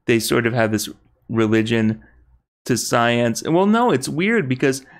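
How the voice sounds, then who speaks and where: A man with a gravelly, creaky voice chatting on a podcast. He feels his way through ideas with hedges and restarts, and he laughs easily. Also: medium pitch, measured pace. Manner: hesitant, many fillers and restarts, laughs easily. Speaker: podcast co-host. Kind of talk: casual political podcast chat.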